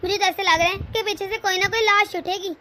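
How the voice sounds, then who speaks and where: A woman's voice: very high-pitched, fairly even intonation, quick pace, bright, forceful tone, a little hiss or hum. A woman voicing a stern lecturing mother-in-law. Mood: instructing. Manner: lecturing, commanding. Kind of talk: cartoon family drama voicing.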